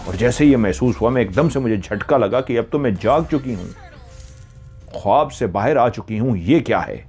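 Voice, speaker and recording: A man narrating a spoken horror story in the first person, slowly and with suspenseful, drawn-out pauses. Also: medium pitch, expressive, darkish tone, soft background music.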